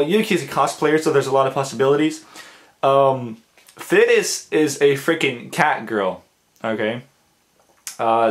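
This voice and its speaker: A man talking casually to his viewers, stammering and repeating words with lots of fillers, getting emphatic and crude in his slang. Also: mid-range voice. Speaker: anime vlogger. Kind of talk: casual ranking monologue to camera.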